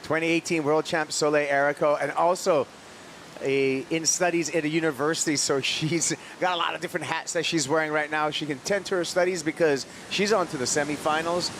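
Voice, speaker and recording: Laid-back male surf announcer, noisy broadcast. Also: fairly high pitch. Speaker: surf contest commentator. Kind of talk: live sports commentary. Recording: steady hiss and outdoor rushing noise.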